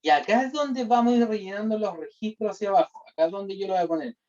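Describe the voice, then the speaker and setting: A man's voice: high voice, fast, darkish tone. A Chilean-accented man explaining a data-modeling class step by step, checking in with listeners after nearly every sentence. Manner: explanatory, with constant "¿ya?" and "¿cierto?" checks. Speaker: university lecturer. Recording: distant, dull lo-fi class recording.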